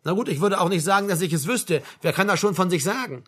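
A man voicing a blunt, mocking old male doctor with a gruff, brusque manner. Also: high voice, expressive, fast, a bit bright, voice pushed up. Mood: wry. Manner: gruff, brusque, with a bleating laugh.

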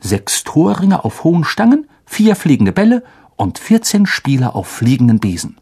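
A man reading a story aloud as an expressive audiobook narrator. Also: on the high side, normal speed, creaky, slightly rough. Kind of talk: scripted narration.

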